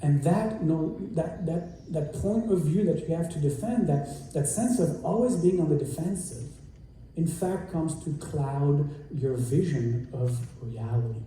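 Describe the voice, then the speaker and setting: A man giving a sermon as a guest rabbi, in an earnest, measured manner that repeats its key phrases. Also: on the high side, dark tone, slight background noise. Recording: echoey room, distant mic.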